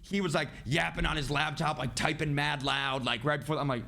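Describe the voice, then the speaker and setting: A man telling a personal story in a casual, animated way, with lots of restarts and asides. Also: on the high side, fairly quick, vocal fry.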